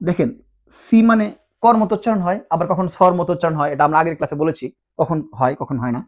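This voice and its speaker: A man teaching a tutorial lesson, patiently asking his listeners questions and answering them himself, sounding out syllables slowly one at a time. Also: fairly high pitch, lively intonation. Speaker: language teacher.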